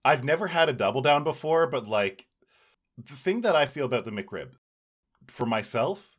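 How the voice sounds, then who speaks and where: A man's voice: medium pitch, animated, normal speed. A man hosting a casual podcast, speaking in a playful, wordy, mock-dramatic way. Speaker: podcast host.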